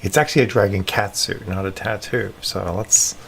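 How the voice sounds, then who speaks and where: A man's voice: on the low side, steady tone, moderate pace, vocal fry, a bit bright, a little hiss or hum. A man hosting a live stream, chatting casually and greeting viewers by name as he answers their comments.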